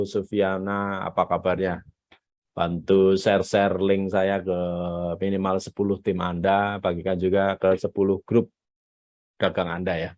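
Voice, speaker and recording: A man giving a live business coaching talk on selling, emphatic and animated, repeating his key points. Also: low-pitched, dry recording, muffled recording.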